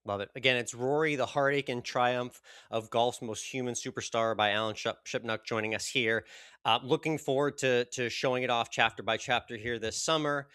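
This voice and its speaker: A man's voice: mid-range voice, fairly even intonation, moderate pace, a bit bright, clean tone, dry recording, clean studio sound. A man hosting a podcast, asking questions in an upbeat, casual way. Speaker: podcast host. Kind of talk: podcast interview.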